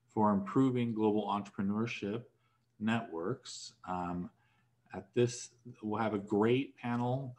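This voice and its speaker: A man moderating a recorded online panel, measured and with frequent fillers, over a video call. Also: on the low side. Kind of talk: webinar moderation.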